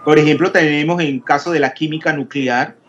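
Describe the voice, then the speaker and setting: A man's voice: on the high side, fairly even intonation, brisk, a bit bright. A man teaching a chemistry class online, explaining step by step and questioning his students, with frequent hesitations. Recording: dull lo-fi audio with faint noise.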